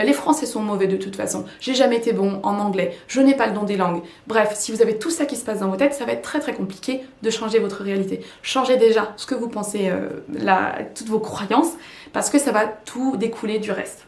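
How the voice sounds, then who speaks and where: A young adult French woman coaching English learners in a lively, chatty way with many fillers. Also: mid-range voice, creaky. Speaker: English teacher and YouTuber. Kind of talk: casual coaching talk to camera. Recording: echoey room.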